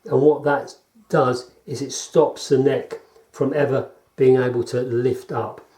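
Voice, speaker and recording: A man, a guitar maker, explaining his work in a halting, measured, informal way while demonstrating in a workshop. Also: medium pitch, little pitch movement, mellow. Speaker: guitar maker presenting own build. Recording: roomy, echoing workshop sound.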